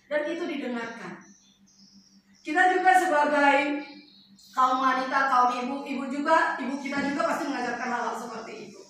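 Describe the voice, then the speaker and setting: Woman preacher, high voice, chatty storytelling sermon, booming hall echo, distant mic. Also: a bit bright, a little hiss or hum. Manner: chatty, storytelling, asks the audience questions. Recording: echoey hall, mic far off.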